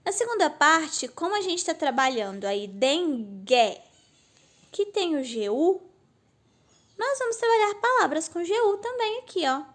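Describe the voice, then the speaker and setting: A female teacher giving a recorded lesson, patiently explaining step by step and answering her own questions. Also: high voice. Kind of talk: recorded remote class lesson.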